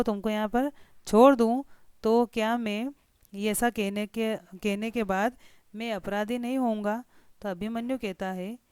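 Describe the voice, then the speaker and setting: Woman slowly explaining a lesson. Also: fairly high pitch, a little mellow, clean tone, no echo. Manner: slow deliberate word-by-word explanation. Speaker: teacher. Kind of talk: explaining a textbook lesson line by line.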